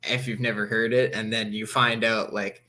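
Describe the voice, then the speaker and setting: Male co-host, low but bright forceful voice, halting, repeats himself. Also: little pitch movement. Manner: hesitant, repeats words. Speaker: sports show co-host. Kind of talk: casual sports talk.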